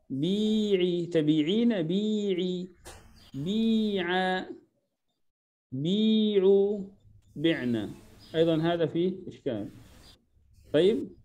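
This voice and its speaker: A man's voice: fairly high pitch, dark tone. A man teaching Arabic verb conjugation, patiently drilling forms one by one and correcting himself and his student aloud. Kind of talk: correcting homework in an online lesson.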